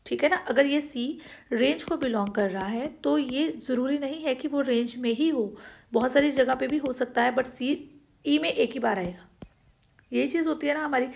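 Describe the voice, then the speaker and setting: A woman's voice: high-pitched, creaky. A woman explaining a math proof step by step, repeating each point and checking that listeners follow. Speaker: math teacher. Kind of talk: blackboard math lecture.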